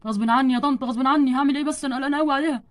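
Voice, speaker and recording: A woman's voice: high-pitched, fairly even intonation, very fast, close to an everyday voice. A woman with an Egyptian accent voicing Ken, an anxious young husband doll who keeps fretting and repeating himself. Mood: worried. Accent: Egyptian Arabic.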